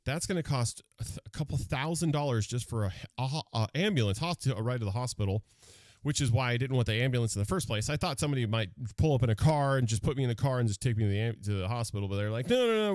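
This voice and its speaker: Man, candid personal story, rambling, animated, mid-range voice, dry close mic. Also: mid-range voice, quick pace, no room sound. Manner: animated, rambling, frequent restarts and fillers.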